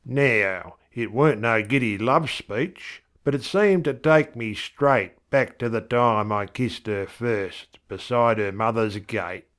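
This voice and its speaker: A man reading verse as a fond, wry rural husband, speaking in homely, unhurried vernacular. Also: on the low side, fairly bright tone.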